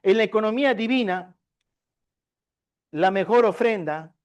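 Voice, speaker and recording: A man's voice: sits high, a little slow, clear, resonant tone, lo-fi sound. A man preaching a sermon as pastor of a discipleship class, often asking his listeners rhetorical questions and answering them himself. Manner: asks the congregation frequent rhetorical questions.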